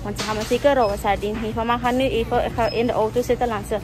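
A woman's voice: on the high side, steady tone, very fast. A young woman, chatting casually to viewers on her vlog while talking through a face mask, slipping English words into her talk. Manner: chatty, addresses viewers directly, mixes in English. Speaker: vlogger. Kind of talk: casual vlog chat to camera. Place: outdoors at a market and by a car. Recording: loud background music.

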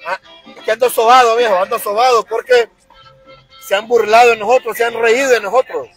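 A man's voice: very high voice, fairly even intonation, fairly quick, fairly bright tone, husky, soft background music, rough recording. A man with a Honduran accent ranting as a football fan vlogger, fired-up and crude, repeating himself. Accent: Honduran Spanish. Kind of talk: angry fan rant to camera.

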